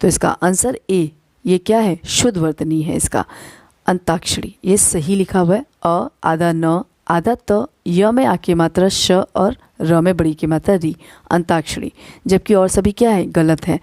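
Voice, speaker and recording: Woman teacher, lowish warm voice, patient exam-coaching delivery, spells syllables slowly; dry close mic. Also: no room sound. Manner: spells words out letter by letter, repeats "ठीक है ना"; slows down to dictate syllables. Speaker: Hindi teacher. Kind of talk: exam-prep spelling lesson.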